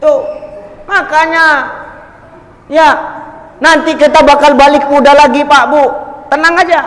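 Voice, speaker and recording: A man gives a humorous sermon to a congregation, telling stories lively and bantering with the audience. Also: extremely high pitch, a little slow. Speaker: preacher. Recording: echoey hall with long reverb.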